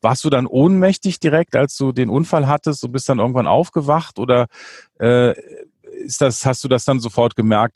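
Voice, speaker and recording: A man hosting a conversational interview, repeating words haltingly as he forms his questions. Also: medium pitch, creaky, a little mellow, breathy edge, no room sound, studio quality. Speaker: podcast host, interviewer.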